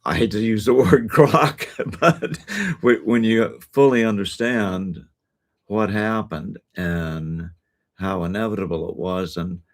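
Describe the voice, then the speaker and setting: A man hosting a relaxed conversation, with a very deep voice and a gravelly edge. He speaks slowly and hesitantly, in a laid-back way. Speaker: host. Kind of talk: casual chat.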